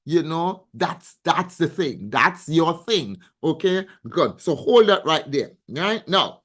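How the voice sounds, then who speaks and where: Woman, financial coach, live-stream host, reads chat comments aloud, effusive, repeats yes, excitable. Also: low-pitched, slow, husky. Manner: effusive, showers comments with repeated yeses and praise; excitable, voice leaps up when she gets excited.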